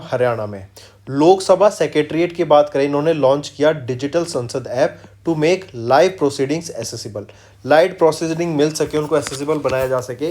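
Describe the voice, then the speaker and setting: In an exam-prep current affairs class, a man with a slightly high, somewhat mellow voice switches between Hindi and English, drilling facts with rapid quiz questions he answers himself and repeating them. When reading English lines, he slows right down and goes word by word.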